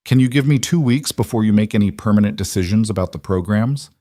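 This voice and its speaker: A man's voice: lowish voice, fast talker, warm tone, no room sound, studio quality, lightly acted. A man reading as a composed businesswoman. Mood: resolved.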